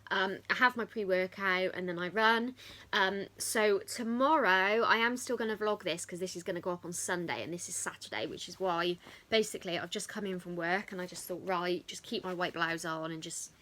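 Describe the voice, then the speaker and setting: A woman's voice: on the low side, moderate pace, pushed and bright. A woman chatting casually as a fitness vlogger, rambling off on tangents. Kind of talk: casual chat to camera.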